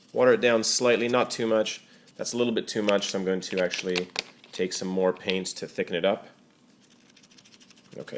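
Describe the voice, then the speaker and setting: A young man with a somewhat low voice walks through a hobby painting demonstration. His delivery is laid-back and unscripted, full of small fillers and restarts as he works. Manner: relaxed, many fillers like uh and you know. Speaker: miniature painting tutor. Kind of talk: casual how-to demonstration.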